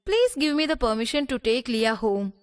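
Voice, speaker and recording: An insistent, affectionate young wife. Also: female voice, on the high side, big pitch swings, moderate pace. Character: warm, bossy young wife, grieving mother. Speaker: wife of the boss. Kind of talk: dubbed film dialogue. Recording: film soundtrack with music behind.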